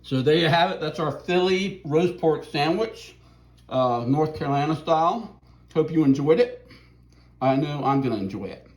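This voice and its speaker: A middle-aged man hosting a casual cooking vlog, talking in a relaxed, folksy way with many fillers, filming on a phone he holds. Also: on the high side, moderate pace. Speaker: fan forum founder and video host. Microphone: phone held by the speaker.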